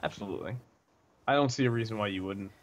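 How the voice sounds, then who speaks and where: A man's voice: fairly low pitch, animated, quick pace. A young man co-hosting a card review in an easygoing, agreeable way, often trailing off mid-thought. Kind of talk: casual chat.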